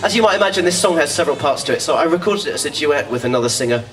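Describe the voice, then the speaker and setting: A man's voice: on the high side, lively intonation, racing, fairly bright tone, soft background music. A man, a folk singer, chatting to an outdoor audience between songs with dry, self-deprecating humour. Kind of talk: stage banter between songs. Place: outdoor festival stage. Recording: distant outdoor live recording.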